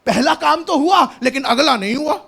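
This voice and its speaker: High-pitched gravelly pastor, emphatic. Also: male voice, expressive, normal speed, sharp tone. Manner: emphatic, often raises voice, repeats verses after reader. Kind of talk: sermon.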